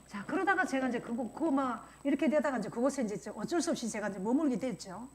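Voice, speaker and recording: A woman's voice: sits high, fast. A woman pastor preaching a sermon, telling stories and acting out the voices of people she quotes. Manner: animated storytelling, acts out voices in quotes. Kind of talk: sermon with storytelling.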